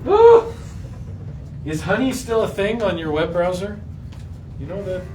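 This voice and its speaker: A man leads a group Bible reading in a casual, interactive way, playful and slangy, firing many questions at the group. His high voice swoops wildly in pitch, a bit slow and warm, picked up by a distant mic with roomy echo and faint noise.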